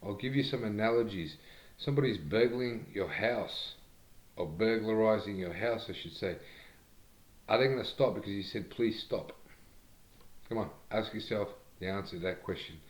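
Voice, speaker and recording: A man's voice: lowish voice, moderate pace, echoey room, low-quality recording. A man addressing his followers in a direct-to-camera monologue, blunt and argumentative, firing rhetorical questions and using many fillers. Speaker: group leader addressing followers.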